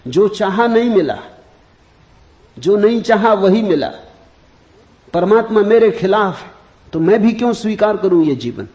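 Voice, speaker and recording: A man's voice: medium pitch, normal speed, gravelly, long pauses, warm tone, muffled recording, natural voice. A man voicing a despairing, suicidal man who feels life has cheated him, in a told parable.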